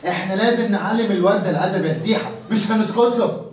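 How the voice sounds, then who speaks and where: A man's voice: high voice, quick pace, a little hiss or hum. A young man with an Egyptian Arabic accent, boasting and teasing his friend in a comedy sketch, recorded far from the mic in an echoey room.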